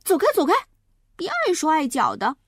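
A woman voicing an impatient, careless schoolboy in a children's story, talking quickly and fretfully. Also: high-pitched, very animated, a bit bright, dry recording, studio quality, voice pushed up, exaggerated voice. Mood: flustered.

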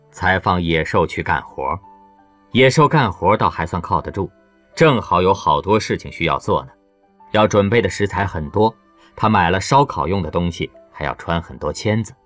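A man reading an audiobook novel as its narrator, in a lively storytelling way. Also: deep voice. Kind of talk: scripted narration.

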